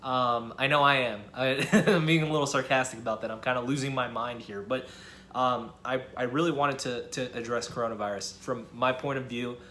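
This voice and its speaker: A young man talks straight to his viewers in a loose, rambling way, repeating himself and laughing as he goes. His voice sits at an ordinary middle pitch. A faint hiss runs under the recording. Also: fairly quick. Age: young adult. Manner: rambling, animated, laughs often. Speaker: student vlogger. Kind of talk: casual talk to camera.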